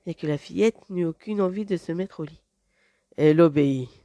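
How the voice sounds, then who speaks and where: A woman narrating a fairy tale in an expressive, dramatic read-aloud manner. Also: on the low side, moderate pace, dry recording. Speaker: storyteller.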